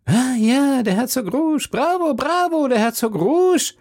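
A blustering, boastful musketeer with a loud, lively voice that leaps up and down, as a man puts him on. He lectures and booms with a gravelly edge. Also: unhurried. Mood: delighted. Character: boastful hot-tempered male musketeer.

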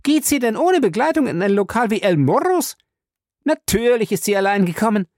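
A shrill furious wife. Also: female voice, big pitch swings, fairly quick, no echo, clean studio sound. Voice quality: shrill, voice cracking. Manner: screaming accusations, sarcastic. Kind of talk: audiobook character voice.

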